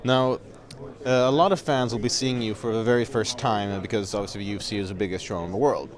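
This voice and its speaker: A man interviewing a fighter before an MMA event, asking measured questions with the odd filler. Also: on the low side, fairly even intonation, a crowd in the background.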